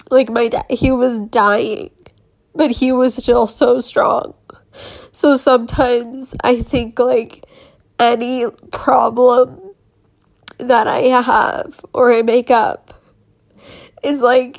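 A young woman speaking in an emotional personal monologue, halting with many fillers and laughing through tears. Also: a little high, darkish tone.

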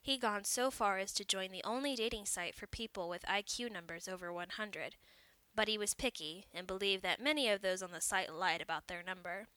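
A woman reads a short story aloud in a clear, measured way. Her voice is bright and forceful, mid-pitched, and the recording is dry and close with no room sound. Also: dry recording. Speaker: narrator. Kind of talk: scripted story narration.

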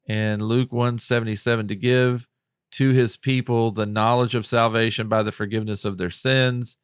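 Smooth-voiced man in casual faith chat. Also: mid-range voice, little pitch movement, normal speed, no echo, clean studio sound. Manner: laid-back, reads scripture aloud with fillers. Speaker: podcast co-host.

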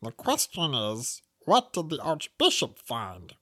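Blunt literal duck, reader putting it on, bright, bouncy pitch. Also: wildly swooping pitch, slow pace, no room sound, clean studio sound, full character voice. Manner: blunt, matter-of-fact questioning.

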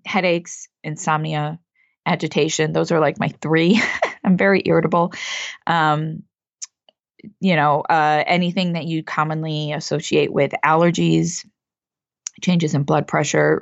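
A woman with a gravelly, scratchy whiskey voice explains things casually and haltingly as a podcast co-host. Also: sits low, dry recording, lo-fi sound. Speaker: podcast co-host answering listener questions.

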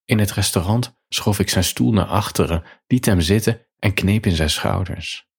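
A writer reading aloud his own short story in a calm, reflective way with quiet emotion. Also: lowish voice, moderate pace, vocal fry, husky. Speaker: writer and writing teacher.

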